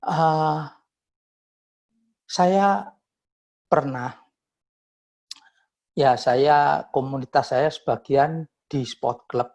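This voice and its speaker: A man sharing a personal testimony at a morning prayer meeting, telling his story in an unhurried way with pauses and addressing listeners as brothers and sisters. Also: fairly high pitch, darkish tone. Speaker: church member giving a testimony.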